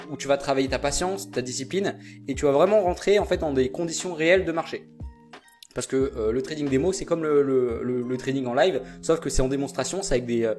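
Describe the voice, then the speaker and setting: A young man explains trading to the viewer in a loose, chatty way, full of fillers and repeated emphasis. His voice sits a bit high for a man and he talks at a brisk clip. Soft music plays underneath. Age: young adult. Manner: informal, direct, repeats "vraiment" and many fillers. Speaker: trading educator. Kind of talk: casual spoken lesson.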